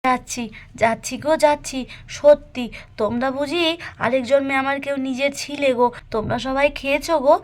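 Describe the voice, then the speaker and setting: A tearful, grateful young woman, voiced by a woman in a doll story. She speaks softly and from the heart, in a fairly high voice. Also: fairly even intonation, a little fast, close to an everyday voice.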